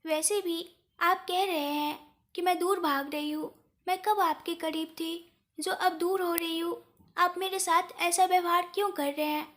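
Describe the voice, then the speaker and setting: A woman's voice: extremely high pitch, fairly even intonation, normal speed, a bit bright. A woman voicing a frightened, shy young college woman in a read-aloud story. She pleads timidly. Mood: timid pleading.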